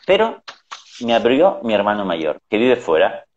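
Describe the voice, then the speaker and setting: A man's voice: fairly low pitch, huge pitch swings, a little slow, darkish tone. A middle-aged man telling family anecdotes in casual conversation, acting out the voices he quotes. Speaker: guest. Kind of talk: conversational storytelling. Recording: dull lo-fi sound.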